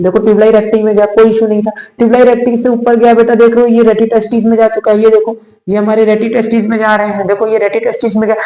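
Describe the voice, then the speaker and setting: Young guy teaching bio, high voice, keeps repeating terms and quizzing the class, roomy echo. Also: warm tone, muffled recording. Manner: repetitive, coaxing, asks questions and answers them himself. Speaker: biology teacher. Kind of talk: explanatory lesson for exam students. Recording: echoey room.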